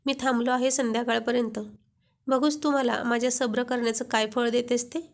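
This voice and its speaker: A woman's voice: a little high, little pitch movement, brisk, close to an everyday voice. A woman voicing a playful young husband who keeps teasing his wife. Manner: teasing, joking.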